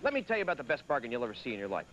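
An actor playing a smarmy, grudging sidekick and pitchman in a comedy sketch. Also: huge pitch swings, racing, a bit bright. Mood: salesman's zeal. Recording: muffled noisy old VHS tape.

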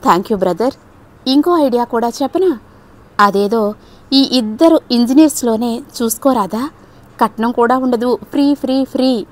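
A woman voicing a playful, teasing young woman friend in an audiobook story, with a mischievous, lively delivery. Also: a little slow, lightly acted. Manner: mischievous, lively, pitched up when joking.

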